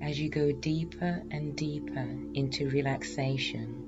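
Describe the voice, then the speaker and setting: A woman hypnotherapist guiding a self-hypnosis session in a calm, meditative, soothing way. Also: low-pitched, unhurried, highs cut off, over loud music. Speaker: hypnotherapist and weight loss coach, podcast host.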